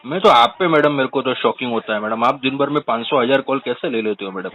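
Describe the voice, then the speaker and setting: A man's voice: medium pitch, quick pace. A man with an Indian accent, a loan customer mocking and grilling a recovery agent on a phone call, sarcastic and insistent.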